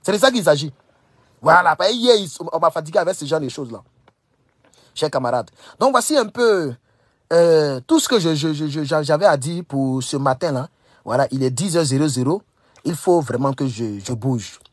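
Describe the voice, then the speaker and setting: A man's voice: a little high, animated, moderate pace, slightly rough, no echo, studio quality. A young man from Burkina Faso, talking straight to camera, emphatic, repeating phrases and scolding his listeners. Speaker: political commentator. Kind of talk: casual direct-to-camera monologue.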